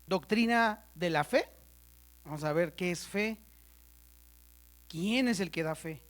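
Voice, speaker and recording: Woman teaching a church Bible class. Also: fairly low pitch. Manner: conversational, checks in with the class often; playful asides, spells out terms slowly for note-takers.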